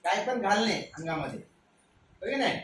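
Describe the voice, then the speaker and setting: A man's voice: high voice, expressive, unhurried, a bit bright. A man from Maharashtra teaching young pupils, taking his time as he spells out words letter by letter. He keeps prompting the class to repeat each one. His voice comes from across a very echoey room with a faint hum behind it. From Maharashtra, India. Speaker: primary school teacher. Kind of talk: spoken English vocabulary lesson for children. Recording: very echoey room, voice from far off the mic.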